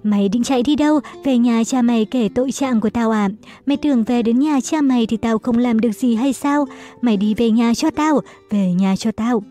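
A woman voicing a furious, jealous young husband who shouts insults and accusations at his wife. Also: a little high, fairly quick, soft background music, lightly acted.

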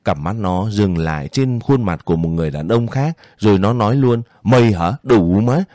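Brief: male audiobook narrator, low mellow voice, measured pacing, dry close mic. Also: dry recording. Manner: steady, measured storytelling. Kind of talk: scripted narration of a war novel.

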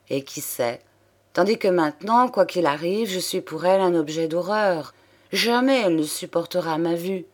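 A woman's voice: on the low side, a little mellow, close to an everyday voice. A woman voicing a stern, remorseful male investigating magistrate in an audiobook reading. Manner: bitter, curt.

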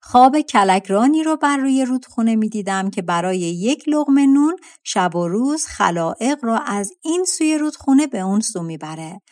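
A woman voicing a clever young girl in a fairy-tale audiobook, soft and pleading as she calms a monster. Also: fairly high pitch, lightly acted.

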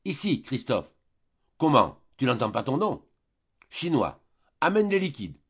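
A man's voice: medium pitch, very animated, measured pace, a bit bright, slightly rough, dull audio, heavily acted. A man reading aloud, voicing a boisterous, scheming middle-aged man who orders everyone around at a boarding-house dinner table. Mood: commanding.

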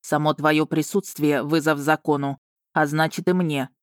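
A woman voicing a gruff, self-assured male dragon guardian, speaking low and slow in a mocking way. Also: steady tone, dry recording, studio quality, natural voice. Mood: steady, commanding.

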